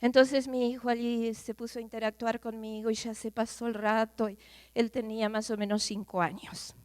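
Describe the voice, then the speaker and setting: Fervent woman preacher with a higher voice. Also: flat delivery, moderate pace, no room sound. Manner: dramatic, swinging from loud outbursts to hushed near-whispers; addresses listeners directly with questions. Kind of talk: sermon to a congregation.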